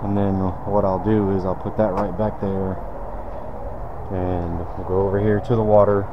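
Guy, lowish voice, chatting casually while he cleans out buckets, loud shop noise behind. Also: dull audio. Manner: laid-back, talks while working. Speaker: car detailer. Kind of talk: casual how-to demonstration. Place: detailing shop.

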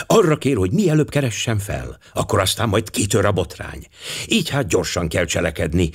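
A man's voice: mid-range voice, husky. A man voicing a fussy, vain older male Belgian detective who talks pompously and drops French words. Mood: reasoning.

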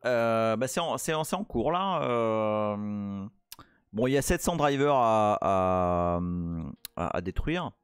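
A French man hosting a casual live-coding stream, playful and excitable, chatting to viewers as he works. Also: lowish voice, slow pace, smooth, no room sound, studio quality. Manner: playful, excitable, reads chat aloud.

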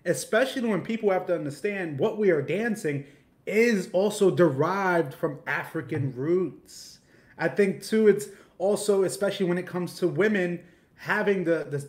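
A podcast host, a man with a fairly high voice, speaks earnestly and in measured, reflective turns. He talks through a headset on a video call from a small room.

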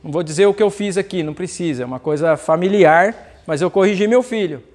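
A man's voice: sits high, fast talker, darkish tone. A young adult man from Brazil, teaching a parenting course. He speaks in a conversational way and often asks the audience rhetorical questions. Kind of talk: informal lecture with anecdotes.

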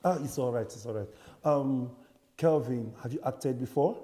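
An actor playing an impatient, lecherous film director holding auditions. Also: male voice, medium pitch, moderate pace, crowd noise, lightly acted. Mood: patient. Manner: soft-spoken, bursts into shouting. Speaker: casting director. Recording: echoey room with faint hiss.

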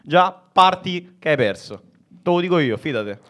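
A man's voice: fairly high pitch, lively intonation, moderate pace, fairly bright tone. A young man co-hosting a podcast, teasing and boastful in casual banter. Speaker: podcast co-host.

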